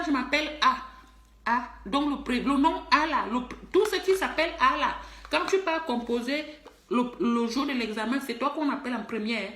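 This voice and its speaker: A woman's voice: high voice, fairly bright tone. A middle-aged woman, an online personality and musician, talks straight to her followers in an emphatic, scolding way and repeats herself often. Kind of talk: direct-to-camera social media video. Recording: roomy echo.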